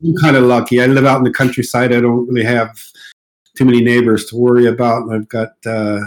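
A man in his sixties from Morocco with a mid-American-sounding accent, a guest in a casual interview at his countryside home, talking in a relaxed, hesitant way with many fillers. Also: mid-range voice, fast talker, slight background noise, poor audio. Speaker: guest car designer.

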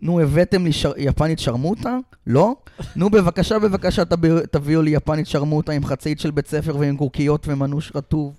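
A man doing an improvised comic bit as a sleazy, desperate male TV director, talking loud and vulgar and pleading. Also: a little high, steady tone, few pauses, close to an everyday voice.

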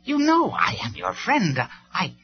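A narrator voicing a crafty, conceited male robot traitor on a lo-fi cassette, his voice raised high and shrill. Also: animated, moderate pace. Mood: pleading. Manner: shrill, stammering, shouting. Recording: dull lo-fi cassette recording.

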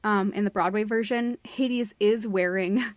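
In clean studio audio without echo, a woman with a medium-pitched voice and fairly even intonation speaks unhurriedly. She's a podcast co-host giving casual, opinionated critique of a stage musical, emphatic and analytical, with casual swearing.

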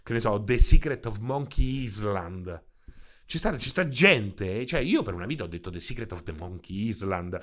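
A man, streaming games live and chatting with his viewers in an excitable, profane, ranting way, holding a handheld microphone. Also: fairly low pitch, moderate pace. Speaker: video game streamer. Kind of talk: casual live-stream chat.

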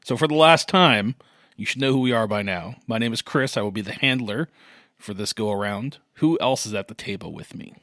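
A man's voice: on the low side, lively intonation, moderate pace, a bit bright, no room sound, studio quality. A man hosting a tabletop game podcast, chatting casually with his group in a rented cabin. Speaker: podcast host and game master.

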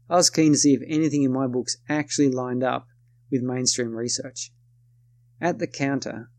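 A man's voice: medium pitch, a little mellow, no room sound. An Australian man narrates in first person with a wry, confiding, self-deprecating tone. His voice sits in a middle register. The recording is close and dry, with no room around it.

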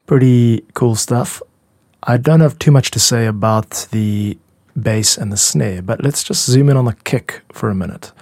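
A composer who hosts a music podcast talks through production work in a conversational, reflective, demonstrative manner. His medium-pitched, slightly mellow voice is unhurried, captured in a dry, clean studio recording.

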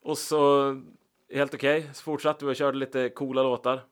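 A man's voice: medium pitch, little pitch movement, smooth. A man co-hosting a casual chat, telling a story about a gig in an easygoing way. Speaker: podcast co-host, musician.

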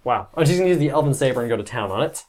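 A man's voice: medium pitch, lively intonation, racing, a little mellow. A man narrating a tabletop game as game master, loose and rambling, with plenty of swearing.

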